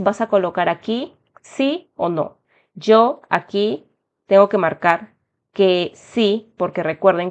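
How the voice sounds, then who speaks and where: In a slightly dull lo-fi recording, a young Peruvian woman speaks with a medium pitch and a darker tone, her accent Peruvian Spanish. She guides viewers, whom she calls "chicos," through an application form in an explanatory, friendly immigration tutorial narrated step by step.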